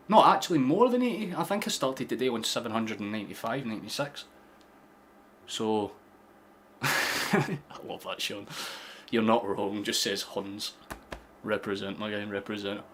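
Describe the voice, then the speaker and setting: Young Scottish male streamer, bright tense tone, sweary and laughing, faint background hum. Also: mid-range voice. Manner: excitable, sweary, laughing often. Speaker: football streamer hosting a watchalong. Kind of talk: casual live-stream chat.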